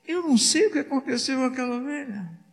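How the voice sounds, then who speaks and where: Man, pastor, sermon, high voice, rhetorical questions, echoing church hall. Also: expressive, fast talker.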